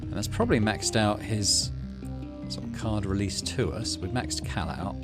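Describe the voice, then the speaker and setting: Over loud music, a game streamer hosting a let's play reads the story text out and mumbles through each decision as he reasons aloud. His voice is fairly low and his pace is normal.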